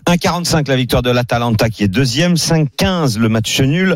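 A man's voice: medium pitch, expressive, a little fast, no room sound, studio quality. Matter-of-fact male betting pundit. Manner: matter-of-fact, reads odds plainly. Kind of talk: radio panel talk.

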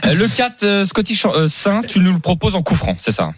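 A man hosting a live radio horse-racing panel, briskly steering his guests and hurrying them along. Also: high-pitched, big pitch swings, a crowd in the background. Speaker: radio racing show host. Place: radio studio.

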